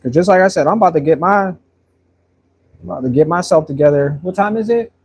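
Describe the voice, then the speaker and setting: A man in his thirties talks casually while he paints and answers viewers. His voice sits a little high for a man. He rambles in a friendly way and often repeats words as he searches for what to say next. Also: fast talker, a little mellow, breathy edge. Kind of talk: casual live-stream chat while painting.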